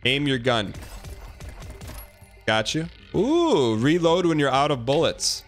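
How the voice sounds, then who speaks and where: A man's voice: medium pitch, slow pace, fairly bright tone. A man doing casual live game commentary as a streamer, with slangy, chatty asides. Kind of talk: casual live game commentary, reading chat and on-screen text. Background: game music.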